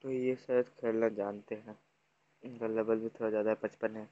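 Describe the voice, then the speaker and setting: This man live-streams a mobile battle game, chatting with viewers and excitedly shouting urgent instructions at his teammates as he commentates. His voice is fairly low and a bit quick, and the audio sounds dull.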